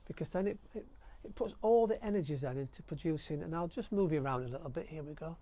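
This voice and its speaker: A middle-aged Yorkshire man talks straight to the camera outdoors on his allotment, friendly and easily excited. His voice sits a little high for a man, and a clip-on mic keeps it close. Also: fast talker. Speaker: allotment vlogger. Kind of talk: casual gardening vlog. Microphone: clip-on mic with lead.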